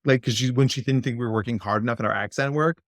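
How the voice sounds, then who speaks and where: A man, a clinical psychologist, talking as a guest in a podcast interview. He speaks in an animated, playful way and slips into silly voices. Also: medium pitch, quick pace, dry recording, studio quality.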